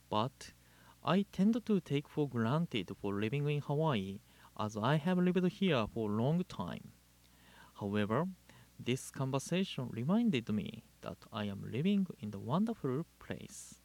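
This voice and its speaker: A man from Japan with a Japanese accent, a Buddhist minister giving a measured, deliberate Dharma talk and telling a story. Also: mid-range voice. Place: living in Hawaii.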